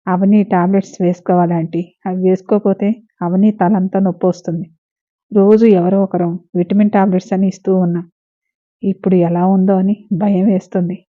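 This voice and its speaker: Loyal young woman, gently coaxing, even tone, tinny phone sound, read by a woman. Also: medium pitch, a little fast, natural voice. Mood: worried.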